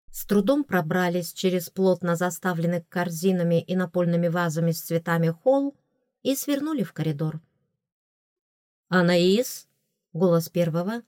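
A woman reading a first-person audiobook in an expressive, wry way. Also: lowish voice, no echo, studio quality. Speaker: audiobook narrator.

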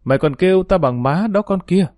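A man's voice: sits high, animated, fairly quick, darkish tone, no room sound, clean studio sound, soft background music, voice pushed up. Man voicing a harsh scheming old mother-in-law. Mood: scolding. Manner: scolding, threatening.

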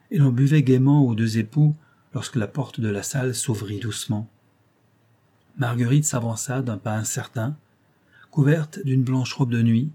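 A man reads a classic tale aloud in a steady storytelling manner. His voice is dark and mellow, with a husky grain. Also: mid-range voice. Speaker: narrator. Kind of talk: audiobook reading of a classic tale.

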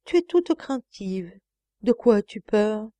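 A woman reading the lines of a sickly young man who speaks in a soft, pleading, breathless way. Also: mid-range voice, expressive, unhurried, no room sound, natural voice. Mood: coaxing.

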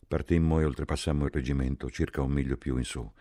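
A man reading a novel aloud in a measured, sober narration. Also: rumbling low, fairly even intonation, dark tone, dry recording, studio quality. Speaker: audiobook reader. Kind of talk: literary audiobook narration.

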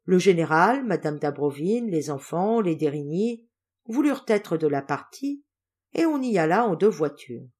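A woman reading a classic novel aloud as an audiobook narrator, measured and clear. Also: on the low side, big pitch swings, a little mellow.

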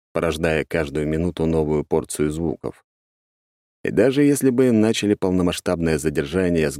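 Deep-voiced male audiobook narrator. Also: warm tone, no room sound, clean studio sound. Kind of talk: first-person audiobook narration.

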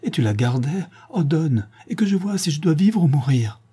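A man's voice: fairly high pitch, very animated, moderate pace, warm tone, breathy edge, pitched above the performer's own voice. A man voicing a young distraught countess. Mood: urgent. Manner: pleading, anguished outcries.

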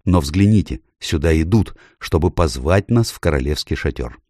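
A man reading an audiobook, voicing a calculating courtier lord who speaks smoothly and persuasively. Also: very deep voice, lively intonation, moderate pace, dark tone, no echo, clean studio sound. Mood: sly.

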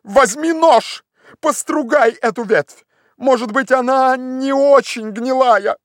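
A man voicing an excitable, obsessed gentleman in an audiobook, shouting eager orders. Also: extremely high pitch, slow, no room sound, clean studio sound, pitched above the performer's own voice. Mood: excited. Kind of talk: audiobook character voice.

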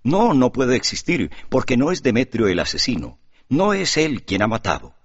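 A man voicing a gentle, pious young man who talks softly and pleadingly, in an audiobook with a dull sound. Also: mid-range voice, big pitch swings, moderate pace, husky, pitched above the performer's own voice. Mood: earnest. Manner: soft and pleading. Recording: dull lo-fi recording.

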